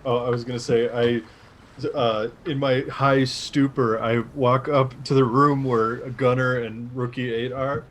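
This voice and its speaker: A man playing a tabletop game, joking casually in a playful way, quick to laugh. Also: medium pitch, little pitch movement, low-quality recording. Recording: noticeable background noise.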